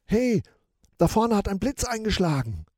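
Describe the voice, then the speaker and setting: A man voicing a sensible young male sidekick in a storybook, quick and matter-of-fact. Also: mid-range voice, big pitch swings, gravelly, dark tone, breathy edge, no room sound, clean studio sound, full character voice. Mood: urgent.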